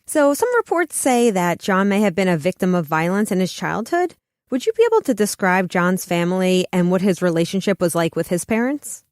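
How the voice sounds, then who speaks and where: A woman co-hosting a podcast, reading interview questions in an even, careful way. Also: on the low side, a little fast, no room sound, studio quality. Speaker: podcast co-host.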